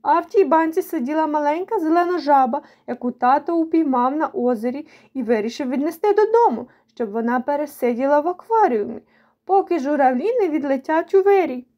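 A woman voicing a bold young girl in a children's storybook, telling a story in an eager, lively way. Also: high voice, a little fast, dull audio.

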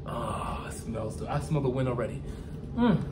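A man's voice: medium pitch, expressive, normal speed, background noise. A young man hosting a podcast, debating albums in a teasing, dismissive way and often repeating himself. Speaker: podcast host. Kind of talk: casual debate chat.

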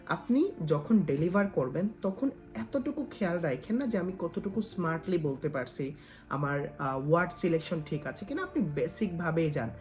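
A man giving casual advice straight to the viewer, dropping English phrases into his talk. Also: a little high. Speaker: freelancer giving career advice. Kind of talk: direct-to-camera advice talk.

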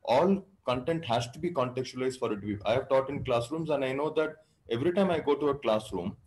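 A middle-aged man speaking on an education panel, talking in a measured, deliberate way and pausing between phrases, heard over a video call. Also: mid-range voice, lively intonation, a little mellow, roomy sound, low-quality recording. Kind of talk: panel discussion remarks.

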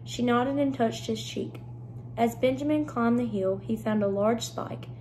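A woman reading a children's story aloud to a youth group in a gentle storybook manner. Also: on the high side, measured pace, slight background noise, poor audio. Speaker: reader.

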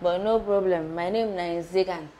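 A woman's voice: lowish voice, normal speed, mellow, a little hiss or hum, close to an everyday voice. Actress playing a sassy Pidgin-speaking shopgirl. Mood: coy. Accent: Nigerian Pidgin. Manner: teasing, sassy banter in Pidgin. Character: sassy young woman shop worker. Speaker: shop worker. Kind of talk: Nollywood film acting.

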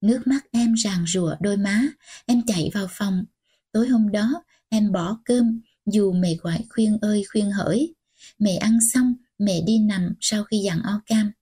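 Woman audiobook narrator, slow and gentle, husky, mellow tone. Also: medium pitch. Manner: gentle, unhurried storytelling. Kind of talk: audiobook novel reading.

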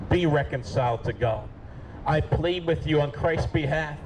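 A man preaching in the open air by a street, pleading and rebuking by turns, at times shouting and then dropping low. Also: normal speed. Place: outdoors by a street with passing traffic. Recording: outdoor street noise, traffic. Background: cars passing.

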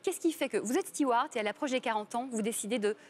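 A woman with a slightly high voice hosts a culture interview on a news channel. She reads smooth scripted introductions and then keeps the guest going with short, friendly prompts. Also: fast talker.

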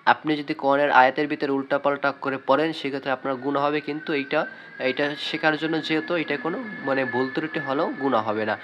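A man's voice: mid-range voice, steady tone, highs cut off, slight background noise. A young man teaching Quran reading in a video lesson, calling out letter names and asking and answering his own questions. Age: young adult. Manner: calls out letter names loudly and slowly.

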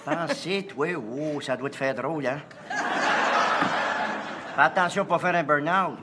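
A man playing an excitable, sharp-tongued older working-class mother with a Quebec French accent, in broad, exaggerated sitcom style. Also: a little high, heavy background noise, close to an everyday voice. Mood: sarcastic. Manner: exaggerated, drawn-out exclamations and sarcastic teasing. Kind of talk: broad sitcom comedy acting.

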